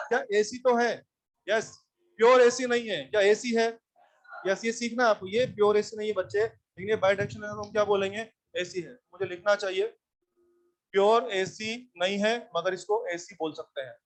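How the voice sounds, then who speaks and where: A man with a high-pitched voice lectures an electronics class. He talks bluntly, scolds his students and keeps checking whether they follow. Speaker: teacher.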